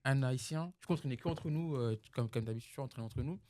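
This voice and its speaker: A man's voice: medium pitch, brisk, warm tone. A man from Congo, a podcast guest in casual chat, telling personal stories in a reflective way with many restarts.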